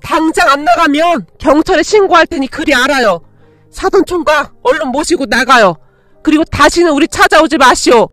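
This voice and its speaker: A woman's voice: high voice, moderate pace, a bit bright, no echo, faint music behind. A woman voicing an older mother-in-law who is stern with outsiders and motherly to her daughter-in-law. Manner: firm and protective, motherly.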